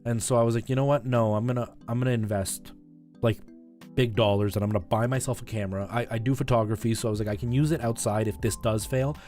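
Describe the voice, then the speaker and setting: A man streaming talks quickly in a steady, mid-range voice that is a little mellow. He chats casually with his viewers, explains things conversationally and regularly checks in, with music behind him.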